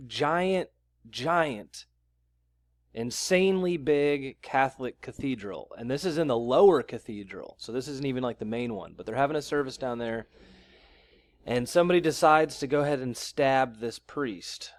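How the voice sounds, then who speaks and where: A man's voice: mid-range voice, lively intonation, normal speed, dry recording. A man vlogging in a blunt, sarcastic ranting style. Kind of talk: ranting commentary vlog.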